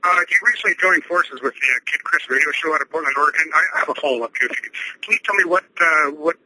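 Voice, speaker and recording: A man's voice: fairly high pitch, quick pace, bright, forceful tone, a little hiss or hum, low-quality recording. A man making a prank call on a speakerphone, pushy and interrupting, repeating himself. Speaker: prank caller. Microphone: telephone speakerphone.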